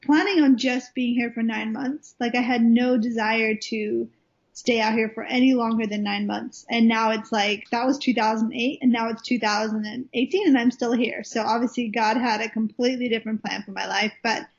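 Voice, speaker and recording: A young woman from Wales who sounds American appears as a guest minister in a casual interview, telling her story chattily with lots of fillers and restarts. Her voice is fairly high with fairly even intonation at a normal speed, captured on a muffled lo-fi recording.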